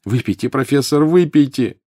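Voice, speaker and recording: A man voicing a desperate teenage boy wizard, urging and pleading loudly, in an audiobook. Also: mid-range voice, lively intonation, moderate pace, dry recording, studio quality, pitched above the performer's own voice, lightly acted. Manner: urgent, pleading, shouting. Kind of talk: audiobook character voice.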